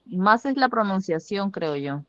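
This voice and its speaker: A woman's voice: medium pitch, animated, measured pace, fairly bright tone, no room sound, highs cut off. A teenage girl student answering her teacher briefly and a little hesitantly.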